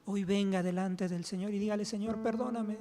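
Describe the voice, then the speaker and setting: Pastor, male, very high voice, fervent repetitive prayer, music underneath. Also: steady tone, a little fast. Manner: fervent prayer, repeating "Dios, Señor" between phrases. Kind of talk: sermon closing and prayer. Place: church. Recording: music playing behind the voice.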